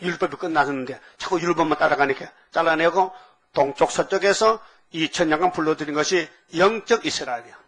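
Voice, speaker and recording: An older man preaching a sermon. He speaks in a folksy way and keeps asking the congregation quick questions. He reads scripture slowly and loudly, and now and then acts out a drill instructor's commands. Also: a little high. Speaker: pastor.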